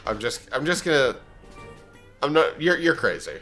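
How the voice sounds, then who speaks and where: A man co-hosting a game session in casual chat, often restarting his phrases haltingly. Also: a little high, animated, sharp tone, faint music behind. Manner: halting, repeats phrase openings. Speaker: let's play co-host watching and commenting.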